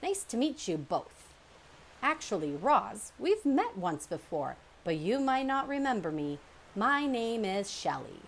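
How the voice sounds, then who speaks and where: A woman's voice: on the high side, very animated, a little slow, a little hiss or hum, pitched above the performer's own voice. A woman voicing a big, friendly female otter in a storybook reading, chatty and bubbly.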